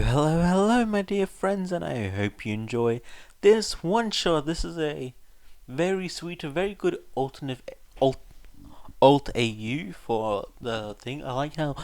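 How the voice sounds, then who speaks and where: A man with a medium-pitched, slightly mellow voice reads fan fiction as a podfic reader, captured in a dry recording. He narrates a scripted story and then chats casually with his listeners.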